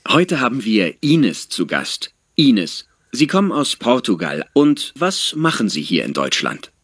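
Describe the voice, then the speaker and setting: An actor playing an interviewer in a scripted language exam dialogue, asking questions with lively intonation. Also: male voice, medium pitch, measured pace, husky, dry recording, studio quality, full character voice. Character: adult male radio-style interviewer.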